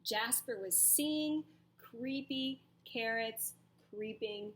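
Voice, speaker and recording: A fairly high, rather bright voice belongs to a woman teacher reading a story aloud to young children, with some hiss or hum in the background. She adds dramatic pauses and emphasis, stopping now and then to ask the listeners questions.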